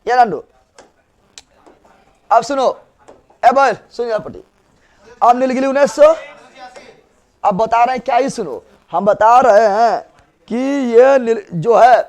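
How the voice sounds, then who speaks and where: A male teacher, drilling memory tricks in a loud call-and-response with a classroom of students. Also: extremely high pitch, slow, creaky, pauses often.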